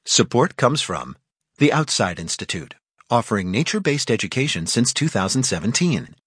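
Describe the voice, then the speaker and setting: A man's voice: medium pitch, sing-song, moderate pace, fairly bright tone, breathy edge, no echo, studio quality. A man with an American accent reading scripted sponsor announcements as a station announcer.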